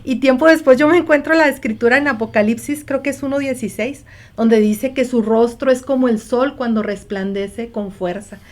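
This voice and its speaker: A woman's voice: a little high, moderate pace. A woman, a mother telling her story earnestly in a conversation and acting out the quoted lines. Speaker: guest, mother sharing testimony. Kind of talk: conversational testimony.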